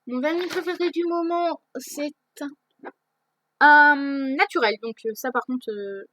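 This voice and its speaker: A woman's voice: sits high, unhurried, fairly bright tone, no room sound. A teenage girl answering viewer questions in a casual vlog, hesitant, with many fillers and restarts. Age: teens. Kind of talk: casual chat.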